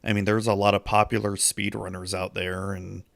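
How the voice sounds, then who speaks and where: A low, gravelly-voiced man co-hosts a casual gaming podcast in a laid-back way, chiming in with short agreements and the odd curse. His voice is fading a little, and the sound is dry and close. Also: flat delivery, moderate pace, fairly bright tone, no room sound. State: losing his voice. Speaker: podcast co-host.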